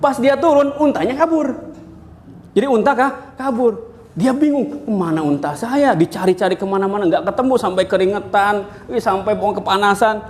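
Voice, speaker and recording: Indonesian lecturer guy, kinda high voice, chatty storytelling to his class, quiet classroom hum behind. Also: a little fast. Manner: animated storytelling with questions to students. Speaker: university lecturer. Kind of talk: classroom lecture with jokes and anecdotes. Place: university classroom.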